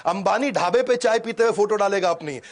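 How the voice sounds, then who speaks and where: A man coaching an audience in an energetic motivational seminar, talking in quick punchy bursts and sudden pauses, dropping English catchphrases in. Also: high-pitched. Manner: mixes English catchphrases into Hindi. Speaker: business coach.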